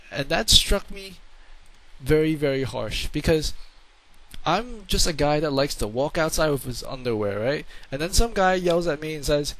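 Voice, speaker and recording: A man's voice: fairly high pitch, a bit bright, rough recording. A man giving casual, rambling play-by-play commentary on a strategy game into a home microphone, often repeating words for emphasis.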